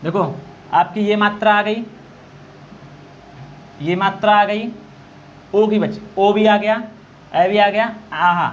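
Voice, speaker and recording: A man's voice: high voice, steady tone, slow, long pauses, fairly bright tone. Hindi man teaching, dull lo-fi sound. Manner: asks and answers his own questions, repeats "okay"; draws out vowel sounds to demonstrate. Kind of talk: exam-prep grammar lecture. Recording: dull lo-fi recording with faint noise.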